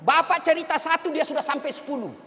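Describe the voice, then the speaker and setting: A man's voice: very high-pitched, lively intonation, quick pace, a bit bright, slight background noise. A male preacher giving a humorous sermon, joking and addressing the men in the congregation directly. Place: mosque hall. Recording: echoey hall reverb.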